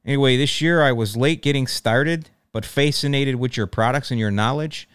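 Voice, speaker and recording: A man's voice: mid-range voice, normal speed, fairly bright tone, clear, resonant tone, no room sound, studio quality, natural voice. A man putting on a chatty Chicago homeowner. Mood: friendly. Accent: Chicago (put on). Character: male homeowner from the Chicago suburbs, friendly.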